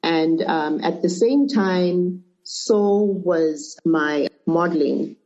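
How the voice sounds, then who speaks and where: A middle-aged woman from Zimbabwe and Zambia, a podcast guest answering questions in a relaxed way with small restarts. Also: on the low side, drawn-out words. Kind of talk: conversational interview answers. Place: remote call. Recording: muffled lo-fi remote audio.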